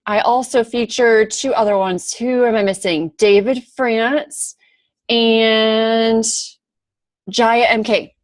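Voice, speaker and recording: A woman's voice: a little high, fairly even intonation, takes it slowly, dry recording. A woman hosting a casual video chat as a book-launch coach, explaining steps and laughing often.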